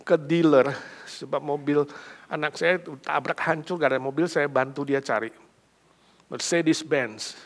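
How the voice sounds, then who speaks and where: High-voiced emphatic male preacher. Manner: emphatic, lively storytelling, builds to loud peaks. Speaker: pastor. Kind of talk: sermon.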